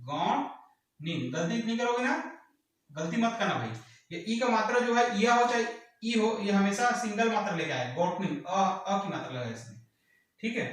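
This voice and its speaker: A man's voice: sits high, animated, moderate pace. A man from teaching an exam-prep grammar lesson, repeating words and quizzing his students. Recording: very echoey room, voice far from mic.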